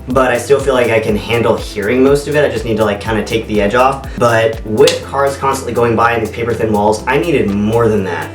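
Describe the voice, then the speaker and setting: Man, casual easygoing review chat, big room echo, mic set back, faint guitar behind. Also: mid-range voice. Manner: chatty, easygoing, sometimes digresses. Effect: big echoey room sound. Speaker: channel host reviewing products. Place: echoey, sparsely furnished room in a new apartment. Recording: roomy echo, mic at a distance.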